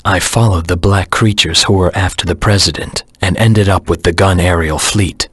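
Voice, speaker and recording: Casting: vengeful hedgehog anti-hero for a video game. Grave, brooding, heavily husky, dry close sound. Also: male voice, low voice, fairly even intonation, normal speed, a bit bright, dry recording. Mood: grim, brooding. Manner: terse, grave, menacing. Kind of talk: video game character acting.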